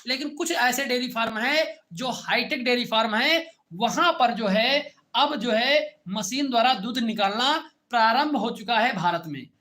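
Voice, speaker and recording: A male teacher delivers an online class in a bright, forceful voice. He keeps firing short check questions at his students and repeats key terms. His delivery is informal and direct. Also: very high-pitched, expressive, measured pace. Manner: repetitive call-and-response questioning. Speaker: agriculture teacher.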